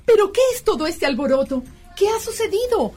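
A woman hosting and narrating a children's adventure in an animated, scripted storytelling style. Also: very high-pitched, brisk, soft background music. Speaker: narrator and host.

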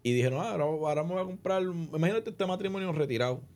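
A man's voice: a little high, animated, racing, darkish tone. A man from Puerto Rico with a Puerto Rican accent, explaining housing costs on a radio talk show through worked examples, often repeating words as he thinks. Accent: Puerto Rican Spanish.

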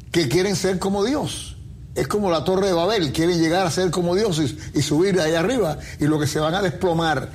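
Man preaching on a faith q&a show, kinda high voice, faint hum behind. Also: darkish tone. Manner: preachy, uses everyday comparisons. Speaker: pastor co-host. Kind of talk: faith talk show answering questions.

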